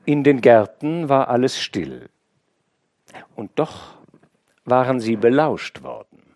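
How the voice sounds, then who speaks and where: A man reading a classic novel aloud as an audiobook narrator, in a measured, expressive storytelling manner. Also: dry recording, studio quality. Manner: measured, expressive storytelling with wide pitch movement. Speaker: audiobook reader. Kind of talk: scripted literary narration.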